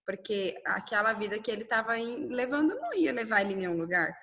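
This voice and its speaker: A woman's voice: a little high, fast. A woman, telling her own story in an interview, acting out dialogue and often tagging "né?". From Brazil. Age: 30s. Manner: animated, quotes dialogue, frequent "né?".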